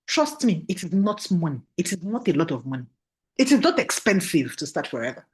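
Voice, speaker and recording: Lively Nigerian woman coaching a team. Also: medium pitch. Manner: emphatic, repeats key phrases, asks listeners for agreement. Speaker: business trainer. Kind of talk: motivational training talk.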